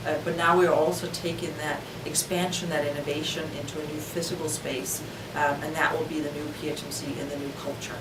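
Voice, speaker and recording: Woman with a low voice. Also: flat delivery, a little fast. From Denmark. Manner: reflective, with frequent fillers. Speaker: organization leader. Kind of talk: interview talk for a corporate video. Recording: roomy, distant mic, background noise.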